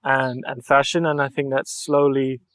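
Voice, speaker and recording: With no echo on the recording, a young adult Mallorcan artist from Spain talks through a relaxed podcast interview. His medium-pitched voice is fairly bright and level in tone, moving at a moderate pace as he reflects earnestly in long, flowing, thinking-aloud sentences.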